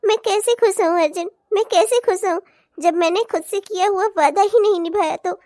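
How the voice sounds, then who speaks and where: A woman's voice: very high voice, normal speed, darkish tone, no echo, clean studio sound. A woman voicing a troubled young bride in a cartoon, speaking with anguish. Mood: grieving. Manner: emotional, anguished. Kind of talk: cartoon voice acting.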